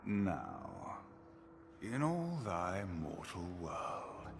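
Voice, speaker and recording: A whispering, archaic keeper of a game played for souls, low and slow, his pitch rising and falling dramatically. Every word is drawn out with ominous theatrical solemnity. Clear background noise hangs under the game audio. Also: wildly swooping pitch, exaggerated voice. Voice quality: whispery, archaic formal speech. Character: mysterious archaic male keeper of a soul-wagering game. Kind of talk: video game voice acting.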